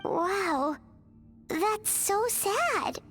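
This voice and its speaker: A woman voicing a small, childlike fairy girl companion in a video game, squeaky, expressive and easily worried. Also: very slow, music in the background, exaggerated voice. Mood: sympathetic. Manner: speaks of herself in third person, expressive.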